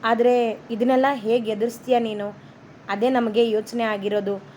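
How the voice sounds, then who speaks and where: A woman's voice: a little high, level tone, moderate pace, darkish tone, a little hiss or hum, lightly acted. A woman voicing a concerned father-in-law who asks worried questions in a read-aloud story.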